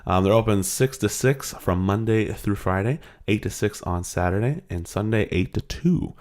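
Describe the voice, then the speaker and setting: Hungover American man hosting, low voice. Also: animated, normal speed, a little mellow. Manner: informal, rambling. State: hungover and very tired. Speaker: podcast host. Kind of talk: casual chat.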